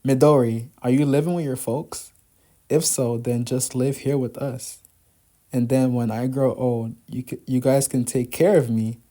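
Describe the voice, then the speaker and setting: A man voicing a loud, blunt woman in her thirties who teases everyone in a manga read-aloud. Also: mid-range voice, fairly even intonation, a little slow, natural voice. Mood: teasing.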